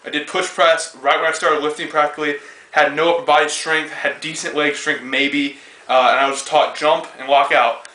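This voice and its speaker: A man's voice: a little high, flat delivery, normal speed, pushed and bright. A twenty-year-old man, a strongman athlete and coach, giving a casual spoken lifting demonstration in a gym, talking between lifts with frequent fillers. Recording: echoey room, voice far from mic.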